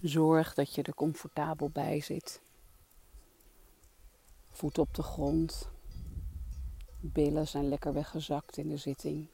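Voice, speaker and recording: A soft-spoken meditation guide leading a relaxation exercise in a calming, breathy voice that trails into whispers. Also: mid-range voice, slow pace, long pauses.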